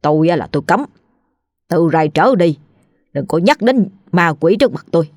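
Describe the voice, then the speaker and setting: A woman's voice: lowish voice, expressive, moderate pace, darkish tone, dry recording, studio quality. A woman voicing a blustering old village chief who bosses and puffs himself up. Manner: blustering, bossy.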